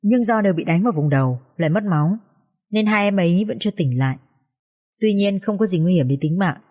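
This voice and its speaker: A woman reading the part of a calm, careful schoolteacher in an audio story, giving a measured account of events. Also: fairly low pitch.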